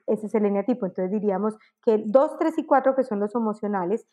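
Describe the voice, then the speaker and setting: A woman explaining personality types in a conversational interview, animated and acting out examples. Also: mid-range voice, fast. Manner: animated, acts out examples with exclamations. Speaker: enneagram guest expert.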